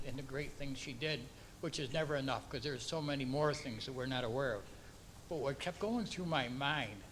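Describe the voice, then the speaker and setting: A man serving as mayor, reading a formal proclamation and then speaking off the cuff with halting, repeated words. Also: mid-range voice, fairly bright tone, slight background noise, low-quality recording.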